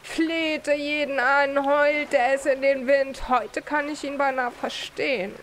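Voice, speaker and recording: A woman reading aloud the lines of a grieving fisherman father in a video game, slow and subdued. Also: high-pitched, fairly bright tone, slight background noise. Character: grieving middle-aged fisherman father, mournful.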